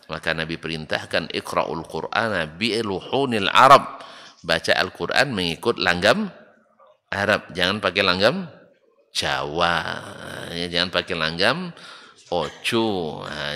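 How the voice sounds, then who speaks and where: Lively man teaching in a hall. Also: fairly low pitch. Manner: lively, asks the audience rhetorical questions and acts out both sides of an exchange. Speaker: Islamic religious teacher. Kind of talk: religious study lecture. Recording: long reverb of a large hall.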